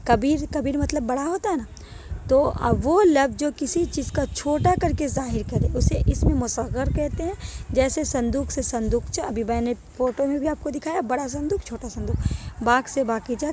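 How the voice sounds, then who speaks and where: A woman's voice: sits high, noisy background. A young woman teaching an exam-prep grammar lesson, who keeps saying "ٹھیک ہے" and quizzes her listeners.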